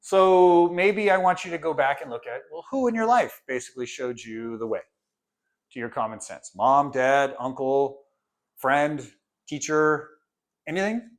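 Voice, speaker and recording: A man's voice: fairly high pitch, lively intonation, a little slow. A man teaching a course in a casual, conversational lecture, firing off rhetorical questions and briefly acting out what his students or parents might say. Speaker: course instructor.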